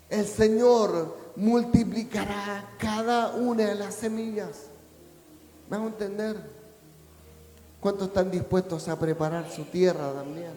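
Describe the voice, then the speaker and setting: Un hombre pastor que predica un sermón, pregunta a menudo a la congregación si le entiende y sube hasta gritar en los momentos fuertes. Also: male voice, high voice. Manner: preaching, rising to a shout at climaxes; asks the congregation rhetorical questions. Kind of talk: sermon. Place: church hall. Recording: echoey church hall with long reverb.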